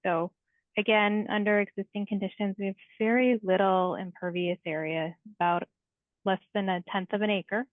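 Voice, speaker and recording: A woman project engineer presenting a technical walkthrough in a clear, organized way over a video call. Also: medium pitch, fairly even intonation, normal speed, no room sound. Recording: tinny phone-like call audio, dry.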